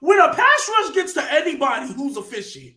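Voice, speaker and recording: A man's voice: very high voice, sing-song, a little fast, over a noisy crowd. A man on a sports panel arguing casually in slangy speech, with a roomy sound around his voice. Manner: slangy, argumentative. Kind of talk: casual heated sports debate.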